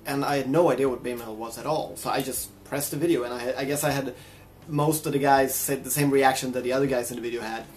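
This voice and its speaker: A man's voice: medium pitch, steady tone, fast talker, a little hiss or hum. A man from Sweden, telling a personal story in a casual, reflective vlog. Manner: reflective, chatty. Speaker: vlogger and guitarist.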